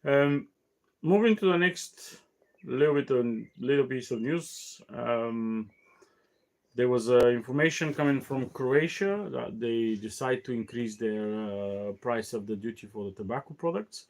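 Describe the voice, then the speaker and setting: Halting, tired man hosting a cigar show. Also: mid-range voice, a little mellow. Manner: halting, many fillers and restarts. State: tired, yawning. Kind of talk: casual solo talk show.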